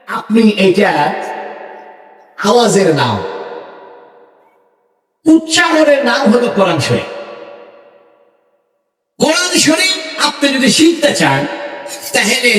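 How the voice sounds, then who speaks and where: A man preaching at a clerics' conference, his high voice leaping about as he piles up lists and rises to loud declarations. He is heard from some distance, through heavy echo and a long hall reverb. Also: big pitch swings, takes it slowly, pauses often. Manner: emphatic, building lists, rising to loud declarations. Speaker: Islamic scholar speaking at a clerics' conference. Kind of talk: Bengali religious speech to a crowd. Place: large hall or outdoor stage with PA.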